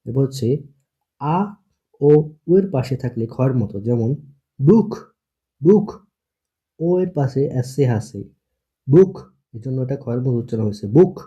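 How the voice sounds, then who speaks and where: A man's voice: medium pitch, expressive, normal speed, pauses often, warm tone, dull audio. A man teaching an online language lesson, patiently spelling out letters and sounds one at a time.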